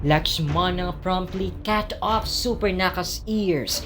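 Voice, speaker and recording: A narrator telling an epic tale in slow, measured scripted narration. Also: mid-range voice, fairly bright tone, faint music behind.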